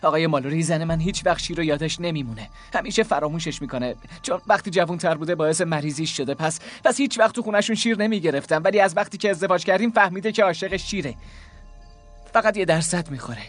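An actor voicing a hunted male smuggler pilot who is nervy and quick-tempered, pleading and swearing in dubbed game dialogue. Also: on the high side, faint music behind, lightly acted. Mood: defensive.

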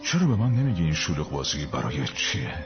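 A male dubbing actor voicing a calm, authoritative hospital doctor who speaks in a measured, soothing way. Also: rumbling low, exaggerated voice. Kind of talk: Persian film dub. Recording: dull lo-fi film audio with music.

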